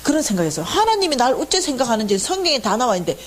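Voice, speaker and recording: A woman gives a testimony sermon as a church finance lecturer. She tells her story to the audience and acts out her prayers loudly. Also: a little high, big pitch swings, rapid-fire, a little hiss or hum. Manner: speaks to the audience directly.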